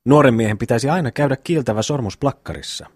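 A man's voice: mid-range voice, darkish tone, husky, dry recording, studio quality, natural voice. A man voicing a plain-spoken, simple-minded peasant brother in an audiobook. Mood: earnest.

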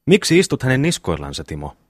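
A man reading the part of a strong, quiet brother in an audiobook, terse and stern. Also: medium pitch, wildly swooping pitch, no echo, studio quality.

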